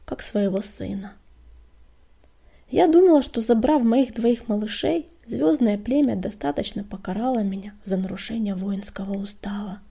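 A woman's voice: on the high side, dark tone. A woman reading the part of an old grieving female medicine cat from a storybook, in a whisper. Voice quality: whispered, breathy.

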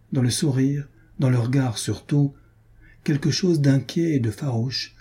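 A man narrating a novel as an audiobook, in a measured, deliberate reading. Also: medium pitch, mellow, husky.

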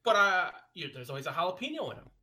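A man on a casual podcast, insistent and profane as he tells a story and hammers his point again and again. His voice is bright and forceful, a little high, with lively swings in pitch. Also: fast. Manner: emphatic, profane storyteller, repeats himself. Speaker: podcast co-host. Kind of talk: casual chat.

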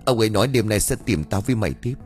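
A man voicing a worried young village husband who talks in an earnest, hurried way. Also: on the low side, expressive, darkish tone, soft background music, lightly acted.

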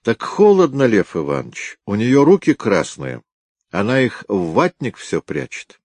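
A brisk young field detective, matter-of-fact, pitched higher than the reader's own low voice, as a male narrator voices him. Dry close-miked reading. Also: huge pitch swings, darkish tone, dry recording, full character voice. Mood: reporting.

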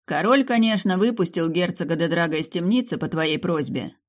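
A woman's voice: lowish voice, a little fast, close to an everyday voice. A woman reading the lines of a young male royal servant who is courteous and stumbles over formal and informal address. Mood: polite, formal. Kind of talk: audiobook character reading.

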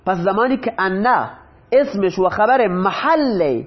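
A man with a fairly high voice teaches a grammar lesson. He goes through example sentences slowly and keeps asking his students questions, then answers them himself. The recording sounds dull and lo-fi. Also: lively intonation, slightly rough. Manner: reads Arabic examples slowly, then translates. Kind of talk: Arabic grammar lesson explained in Persian.

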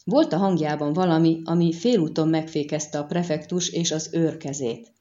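Low-voiced woman narrating an audiobook. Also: warm tone, dull audio. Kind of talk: scripted narration.

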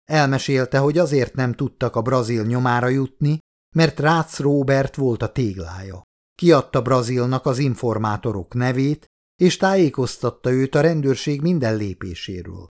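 Man, audiobook narrator, mid pitch, steady scripted reading.

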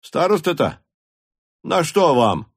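A man voicing a sly, defiant male peasant ringleader in an audiobook, shouting back. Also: on the high side, very animated, slow, husky, dry recording, clean studio sound, pitched above the performer's own voice, exaggerated voice.

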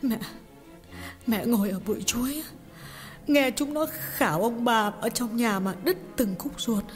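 A woman's voice: mid-range voice, animated, normal speed, close to an everyday voice. Woman doing a sad middle-aged mom telling an old family tragedy, audio story, echoey with faint music. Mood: grieving. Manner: sorrowful storytelling, emotional. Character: grieving middle-aged mother recalling tragedy. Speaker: audiobook voice actor. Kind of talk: audiobook drama reading. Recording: long reverb with faint music.

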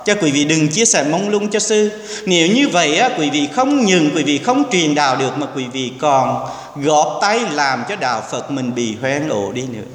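Monk preaching in an echoey hall. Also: male voice, on the high side, lively intonation, moderate pace. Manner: earnest, exhorting, acts out quoted speech; drops in English words. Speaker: Buddhist monk. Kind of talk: sermon to a temple congregation. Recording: echoey hall with long reverb.

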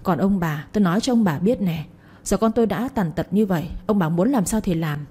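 A woman's voice: mid-range voice, brisk, slightly rough, natural voice. A woman voicing a furious village mother. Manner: shouting, cursing, accusing.

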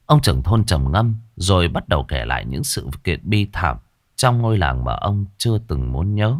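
A man narrating a ghost story in a dramatic, expressive way. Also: deep voice, moderate pace, no echo, clean studio sound.

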